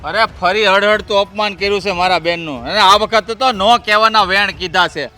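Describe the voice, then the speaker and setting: A man's voice: high-pitched, a little fast, sharp tone, faint music behind. An actor playing an indignant man defending his insulted sister, who talks in an aggrieved, heated way. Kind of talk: village family stage drama.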